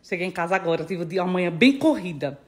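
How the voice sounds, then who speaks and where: A woman's voice: fairly low pitch, animated, fast talker. A middle-aged woman, chatting affectionately to her followers in a casual phone vlog, repeating herself and laughing. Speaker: social media influencer.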